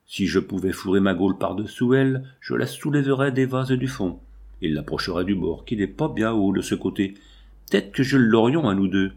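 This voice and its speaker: A man's voice: fairly low pitch, expressive, normal speed, darkish tone, breathy edge. A man voicing a sinister, scheming peasant shepherd in a storybook reading, with taunting, half-threatening calls. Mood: urging.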